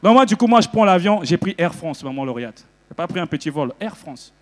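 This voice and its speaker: A man from Congo doing stand-up comedy on a festival stage, animated and breaking into loud shouted character bits. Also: high-pitched, a little fast, in a large hall. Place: festival stage before a live audience.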